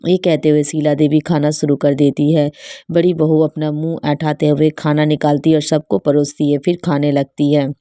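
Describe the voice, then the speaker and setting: A woman narrating a scripted bedtime story for children in a flat, even reading manner. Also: deep voice, moderate pace, no room sound.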